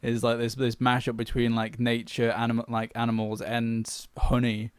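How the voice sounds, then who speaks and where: A man's voice: medium pitch, completely flat delivery, moderate pace, smooth, no room sound. A man who talks eagerly and rambles, filling his speech with "like". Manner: enthusiastic, rambling, uses "like". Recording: very dry.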